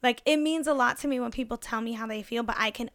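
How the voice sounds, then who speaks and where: Chatty young woman, clear bright voice. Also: a little high, quick pace, dry recording, clean studio sound. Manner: chatty, many fillers, animated. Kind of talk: casual chat.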